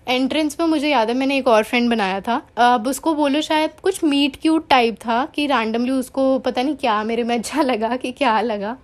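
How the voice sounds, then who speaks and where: A young woman talks straight to her camera, recounting her college days in a breezy, chatty way. She slips easily between English and Hindi, and her voice sits fairly high. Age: young adult. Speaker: college student vlogger. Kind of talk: casual storytelling vlog.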